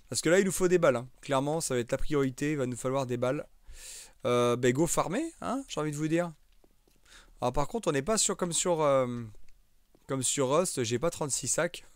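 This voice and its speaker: A man's voice: mid-range voice, clear, resonant tone, dry recording. A young man streaming a live survival game, chatting casually, joking and answering viewers in the chat. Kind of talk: live gameplay commentary.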